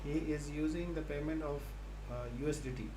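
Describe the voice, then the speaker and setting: A man's voice: fairly high pitch, fairly even intonation, brisk, background noise. A man giving live market commentary, talking to viewers and often repeating himself. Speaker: live stream host and trading analyst.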